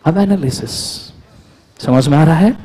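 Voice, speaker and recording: A man lecturing a classroom on law in energetic Hindi with terms, often calling on students to answer aloud. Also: a little high, a little slow, breathy edge.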